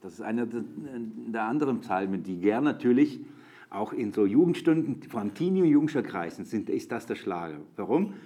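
A man's voice: on the low side, lively intonation, fairly quick, mellow. A man teaching from the Bible to a group, talking informally with many restarts and fillers, then reading and stressing verses with rising intensity. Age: adult with a young daughter. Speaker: preacher.

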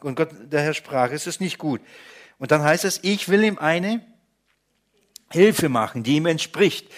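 A man preaching in German, teaching from the Bible, shifting between low, quiet explanation and loud, emphatic passages.

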